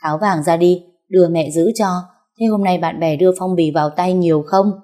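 A domineering middle-aged mother-in-law, put on by a female storyteller, scolds in a low, mellow voice. She grows shrill and indignant whenever she is crossed, always pressing for what she wants. The audio story is read in a calm, even way between her lines. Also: fairly quick, natural voice. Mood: bossy.

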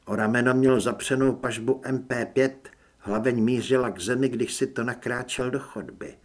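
A man reading a first-person action audiobook in a steady, measured way, with a husky voice. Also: mid-range voice. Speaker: audiobook narrator.

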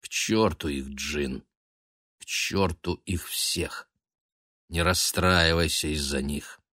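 A man doing a gruff scolding older brother. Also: rumbling low, slow, bright, forceful tone, no echo, clean studio sound, full character voice. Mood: soothing. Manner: harsh scolding, blunt. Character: stern older brother, sickly, gruff but caring. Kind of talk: audiobook reading.

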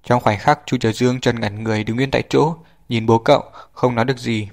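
A man's voice: mid-range voice, fairly even intonation, fast talker. A man narrating a novel as an audiobook, reading steadily with drama.

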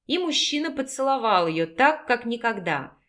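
A woman's voice: on the high side, big pitch swings, normal speed, fairly bright tone. A woman narrating a story aloud, voicing the dialogue of every character herself. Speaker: audiobook narrator.

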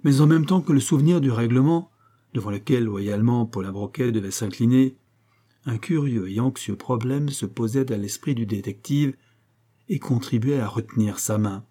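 Male audiobook narrator, measured literary delivery, warm slightly husky tone. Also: mid-range voice. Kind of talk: scripted narration.

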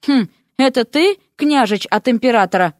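A woman's voice: on the high side, lively intonation, moderate pace, dry recording, studio quality, voice pushed up, close to an everyday voice. A woman voicing a sly, sweet-talking young male necromancer student.

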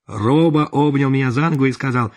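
A male narrator reads a story aloud for an audiobook in a dry, ironic storyteller's manner, with music in the background. His medium-pitched voice moves a little fast.

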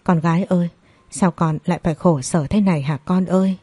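A woman's voice: lowish voice, steady tone, fairly quick, mellow, husky, no room sound. A woman reading the part of a worried mother who soothes her daughter tenderly. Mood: soothing.

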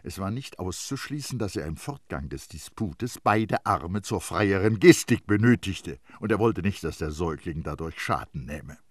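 German male audiobook narrator, expressive delivery. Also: deep voice, moderate pace, hardly any pauses, no echo, studio quality. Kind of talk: scripted narration.

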